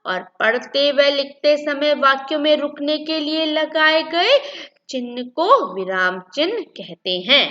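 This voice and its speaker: A woman's voice: sits high, expressive, measured pace, fairly bright tone, dull audio. A woman teaching a lesson to children, repeating key points and asking then answering her own questions. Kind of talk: classroom-style lesson for children.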